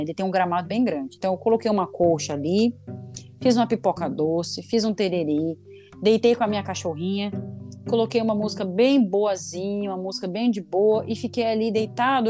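A woman in her thirties hosting a casual podcast chat, expressive and jokey, swearing frankly. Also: mid-range voice. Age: 30s. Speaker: podcast host.

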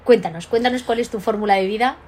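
A woman's voice: a little high, fast, a little mellow, slight background noise. A woman interviewer introducing her guest and asking questions, repeating words as she builds them.

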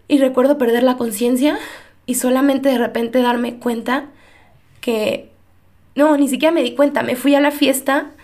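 A young woman giving an earnest, emotional personal faith testimony with pauses. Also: high voice. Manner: earnest, emotional storytelling with pauses and soft laughs.

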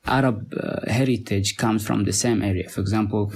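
Husky, low-voiced man with a Somali accent. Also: fairly even intonation. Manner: halting, many pauses and repeated words. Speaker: podcast guest. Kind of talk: conversational interview.

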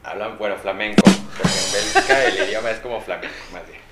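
A man with a Mexican Spanish accent, co-hosting a casual chat and telling animated, self-mocking stories. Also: lowish voice, quick pace, loud music behind the voice. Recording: roomy with faint noise.

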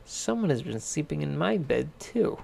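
A man's voice: a little high, big pitch swings, moderate pace, vocal fry, mellow, a little hiss or hum, exaggerated voice. A man voicing a proper, observant mother bear in a storybook reading.

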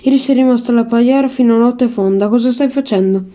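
A stern middle-aged mother, firm and full of questions for her son, in a warm, fairly high voice, as a woman reading aloud plays her. The storybook delivery stays soft and mellow. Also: quick pace, lightly acted.

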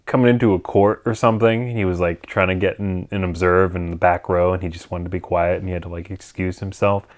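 A man's voice: low-pitched, steady tone, fast, hardly any pauses. A man co-hosting a casual movie review chat, blunt and swearing freely. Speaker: podcast co-host.

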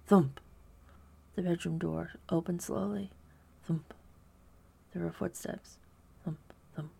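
Gravelly low-voiced woman narrating horror. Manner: hushed, measured, dread-filled delivery. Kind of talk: first-person horror story narration.

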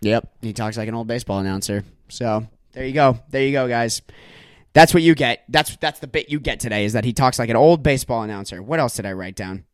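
Young male podcast host, mid-pitch, jokey mock-outrage monologue. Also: quick pace, no room sound, clean studio sound. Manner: exaggerated mock-angry ranting with swearing. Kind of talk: solo comedy podcast monologue.

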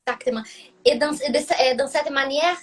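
A woman from Brazil with a Brazilian Portuguese accent, chatting and asking questions in a lively, laughing way, switching languages as she goes. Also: high-pitched, moderate pace. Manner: animated, laughs often, switches between languages mid-sentence. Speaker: conversation partner asking questions. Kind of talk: casual multilingual chat.

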